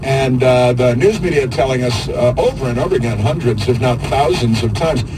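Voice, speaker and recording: Talk radio host, male, mid-pitched. Mocking, meandering political commentary with long hesitations, on a noisy broadcast. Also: lively intonation. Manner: halting, rambling delivery with drawn-out pauses; sarcastic, mocking.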